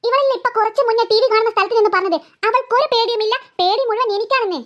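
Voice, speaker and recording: Scolding cartoon mother, voiced by a woman: brisk, scornful, very high-pitched. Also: a bit bright, muffled recording. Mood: impatient. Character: scolding mother, impatient and stern. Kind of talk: cartoon voice acting.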